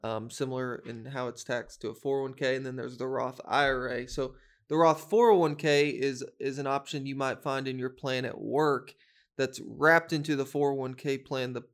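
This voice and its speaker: A man's voice: medium pitch, fairly even intonation, moderate pace. A man giving unscripted explanations as a financial podcast panelist.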